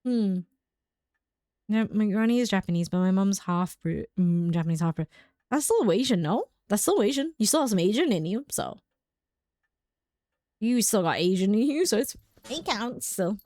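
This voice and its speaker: An animated young British woman with a dark, mid-range voice streams a game from home at normal speed, sometimes leaving long pauses. The sound is clean studio quality without room sound. She chats casually with viewers, laughs often and scatters "like" throughout.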